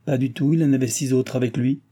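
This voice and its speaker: A man voicing an excitable, tearful young noblewoman who talks in an insistent way. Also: medium pitch, fast talker, husky, natural voice. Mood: upset.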